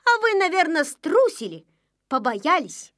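Brief: a woman playing a lecturing little know-it-all boy from a storybook, high voice, dry close sound. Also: sing-song, a little slow, fairly bright tone, no echo, full character voice. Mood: reproachful. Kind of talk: storybook reading.

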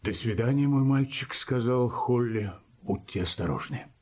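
A man playing a kindly, soft-spoken middle-aged journalist. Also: medium pitch, moderate pace, natural voice.

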